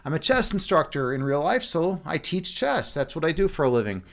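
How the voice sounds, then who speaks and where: A young man with a Chicago accent chats casually with viewers on a live stream, relaxed and talkative, calling them "man" and "dude." He's a streamer and chess instructor whose fairly high voice swings widely in pitch, moves a little fast, and carries some vocal fry.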